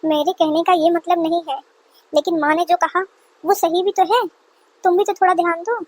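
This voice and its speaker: A woman's voice: very high voice, steady tone, normal speed, darkish tone. A woman doing a mild young husband. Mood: reproachful. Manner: soothing, mildly reproachful. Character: young adult husband, mild peacemaking son.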